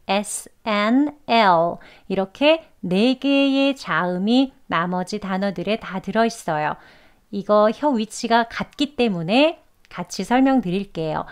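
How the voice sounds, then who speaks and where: Korean lady going over english pronunciation, slow and careful, a bit high-pitched. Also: a little mellow, clear, resonant tone. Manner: slow, careful demonstration of sounds. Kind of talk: pronunciation lesson.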